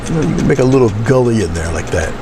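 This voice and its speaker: A middle-aged man gently walking through a painting as instructor, thinking aloud in an unhurried, casual way while he works. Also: medium pitch, very animated, background noise. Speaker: painting instructor and livestream host. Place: small indoor room with curtained window, painting at an easel.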